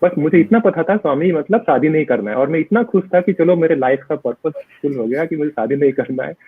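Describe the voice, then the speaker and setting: A man's voice: fairly high pitch, breathy edge, no echo. A man, a monk being interviewed, recounting his own story hesitantly, with many fillers and English words mixed in. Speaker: monk guest. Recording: dry tinny phone-like sound.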